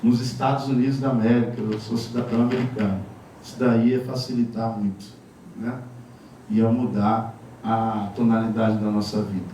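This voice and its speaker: Brazilian pastor preaching in an echoey hall. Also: male voice, lowish voice, little pitch movement, normal speed, warm tone, slight background noise. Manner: conversational preaching with wry asides and chuckles. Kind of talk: sermon. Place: church sanctuary. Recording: echoey church hall from far off.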